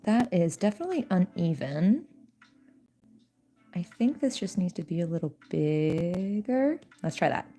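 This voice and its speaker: A young woman streaming while working on an animatic, chatting casually in a soft-spoken way, with frequent fillers and small laughs. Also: lowish voice, big pitch swings, measured pace. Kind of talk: casual chat.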